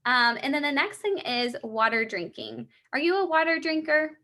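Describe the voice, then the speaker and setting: A woman's voice: high-pitched, lively intonation, normal speed, bright, forceful tone. A young woman in a three-way phone call sales role-play, explaining and encouraging in an upbeat, conversational way. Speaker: supplement sales consultant.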